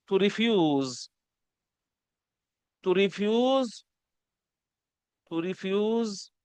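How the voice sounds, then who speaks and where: Slow, careful woman teaching English. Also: mid-range voice, darkish tone, dry recording. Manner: slow, repeats each word, says okay often. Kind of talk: classroom grammar lesson.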